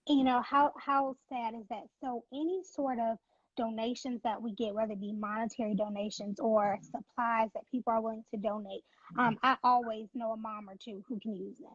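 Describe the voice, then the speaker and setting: A woman's voice: fairly high pitch, fairly even intonation, brisk, no room sound, highs cut off. A woman who founded a nonprofit, speaking as an interview guest in an earnest, faith-driven, emphatic way. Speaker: nonprofit founder, former NICU mom.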